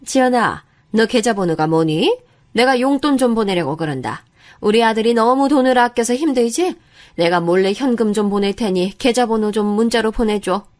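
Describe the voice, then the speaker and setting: A woman's voice: on the high side, lively intonation, moderate pace, darkish tone, lightly acted. A woman doing a stingy older mother-in-law. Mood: coaxing.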